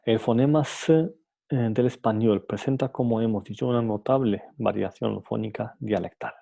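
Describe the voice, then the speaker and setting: A man's voice: lowish voice, fairly even intonation, moderate pace, gravelly, dark tone, lo-fi sound. A man giving a phonetics lesson, hesitant with many fillers and restarts, saying examples aloud and checking in with the listener. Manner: says examples aloud, ends points with "¿no?". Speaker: teacher. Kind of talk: phonetics lecture.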